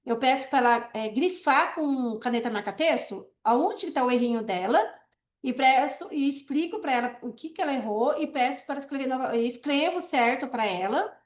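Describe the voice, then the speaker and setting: A woman lecturing as a teacher, her voice high and bright above the usual. She explains step by step, often pausing to check that her listeners follow. The sound is roomy, with a clear echo around her. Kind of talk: online class lecture.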